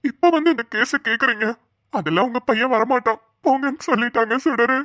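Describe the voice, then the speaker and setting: A woman's voice: a little high, brisk, a bit bright, dry recording, studio quality, lightly acted. A woman voicing a grieving middle-aged father in a cartoon, speaking in tearful, despairing pleas. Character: grieving middle-aged father missing his lost son. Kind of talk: cartoon voice acting.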